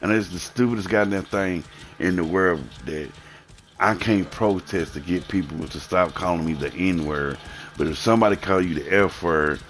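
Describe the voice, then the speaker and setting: A man ranting heatedly on a live stream, swearing often and repeating his points. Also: sits low. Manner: heated, profane, repetitive ranting.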